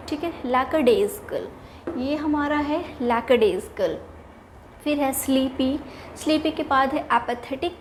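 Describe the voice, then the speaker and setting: High-pitched indian lady teaching english words, says each one twice, keeps saying okay. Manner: repeats words, frequent "thik hai" checks, slow deliberate spelling. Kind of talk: explaining word lists in Hindi-English mix.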